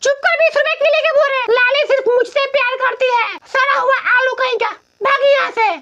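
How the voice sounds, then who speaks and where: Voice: very high-pitched, steady tone, a little fast, highs cut off. A performer voicing jealous male cartoon vegetables who boast and trade insults over a tomato in a comedy cartoon. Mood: quarrelsome. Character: squeaky jealous male vegetable lovers, bickering.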